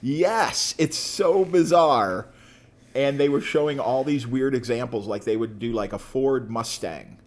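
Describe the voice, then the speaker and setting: This podcast co-host has a lowish, darkish-toned voice. He talks casually and in a rambling way, full of fillers and false starts.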